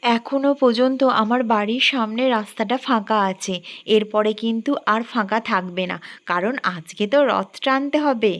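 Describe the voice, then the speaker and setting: A young woman hosts a chatty vlog, cheerfully asking her viewers lots of questions and treating them like friends. She speaks at a moderate pace in a fairly high voice.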